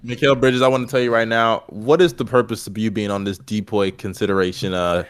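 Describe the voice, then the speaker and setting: A man's voice: fairly low pitch, steady tone, fairly quick, a loud crowd. A man co-hosting a casual sports podcast, blunt and repetitive, swearing casually as he makes his point. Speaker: podcast co-host.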